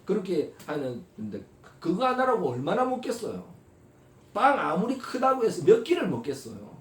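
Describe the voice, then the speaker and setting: A male pastor preaching a sermon, constantly asking the congregation rhetorical questions and swinging between soft asides and loud, emphatic exhortation. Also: sits high, wildly swooping pitch, moderate pace. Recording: echoey hall, voice from far off.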